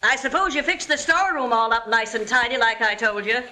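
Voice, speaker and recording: A woman's voice: on the high side, a little fast, bright, forceful tone. An actress playing a bossy frontier woman, scolding and sarcastic, with an American accent in old Western film style.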